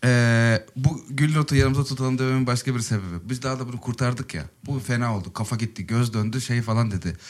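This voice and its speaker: A man's voice: medium pitch, quick pace, hardly any pauses. A man playing a tabletop role-playing game, joking and bantering in character with friends. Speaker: player.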